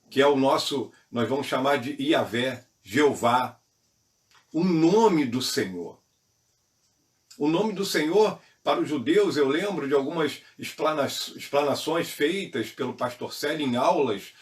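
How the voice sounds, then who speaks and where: A man's voice: a little high, recorded from a distance. Brazilian man teaching Bible class. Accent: Brazilian Portuguese. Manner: earnest, repeats key phrases. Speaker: Sunday school teacher. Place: church.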